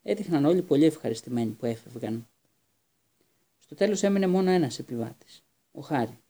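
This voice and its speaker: A man narrating an audiobook in a steady reading manner, with occasional small restarts. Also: on the high side. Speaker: audiobook reader.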